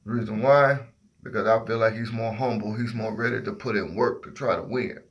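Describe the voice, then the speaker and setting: Sleepy, low-voiced man chatting about sports. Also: fairly even intonation, fairly quick. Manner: drowsy, losing train of thought, groping for words. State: sleepy, half asleep after working all night. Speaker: sports livestream host. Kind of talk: casual opinionated sports commentary.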